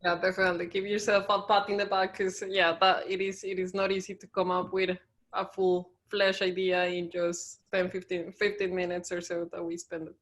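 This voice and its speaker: Flat-toned woman running a workshop. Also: fairly low pitch, moderate pace. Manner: relaxed, loose, many fillers. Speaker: session facilitator. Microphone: video call.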